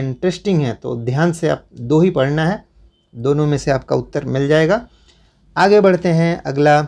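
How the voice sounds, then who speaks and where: A man's voice: on the high side, a little mellow. A man teaching students, going through a school syllabus and telling them which chapters to cross out, in a repetitive, instructive way. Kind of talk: syllabus walkthrough lesson.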